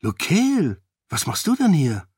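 A headstrong young princess with a lifted, lively voice, as a male narrator puts her on. She speaks quick and bright, sounding close and dry. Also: medium pitch, no echo. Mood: spirited. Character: stubborn, spirited young princess.

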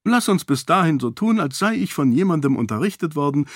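A headstrong young princess with a lifted, lively voice, as a male narrator puts her on. She speaks quick and bright, sounding close and dry. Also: fairly high pitch, dry recording, pitched above the performer's own voice. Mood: spirited. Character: stubborn, spirited young princess.

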